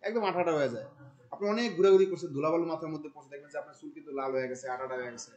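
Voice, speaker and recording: A man, teaching a class. He talks in a colloquial, animated way, firing questions at the students. He drops English terms into his explanations. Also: on the high side, racing, rough recording. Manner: questions the class often, mixing in English words. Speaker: marketing instructor. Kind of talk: classroom lecture.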